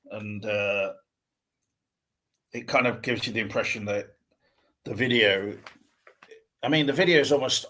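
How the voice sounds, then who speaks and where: A man's voice: lowish voice, a bit bright. A middle-aged man co-hosting a casual chat, speaking in a hesitant, rambling and thoughtful way.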